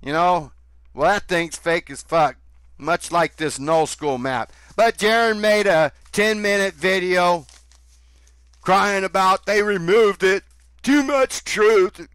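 A man's voice: high voice, takes it slowly, a bit bright, clean tone, no room sound. A man hosting a commentary video, mocking played clips with sarcasm and swearing. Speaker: commentary host.

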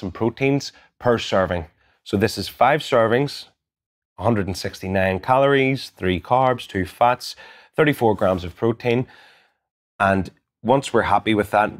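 A man in his thirties with a Northern Irish accent, calmly walking through an app tutorial step by step, recorded on a lapel mic in a gym studio. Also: on the low side. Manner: calm, methodical, instructive. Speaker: gym coach. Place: gym studio in front of a branded backdrop.

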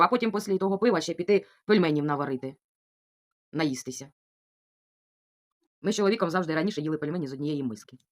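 At home, a vlogger responds to viewer comments, speaking straight to camera in a casual way. Her voice sits low, she talks fast and chattily, and she confides in the audience while repeatedly asking "you know?"

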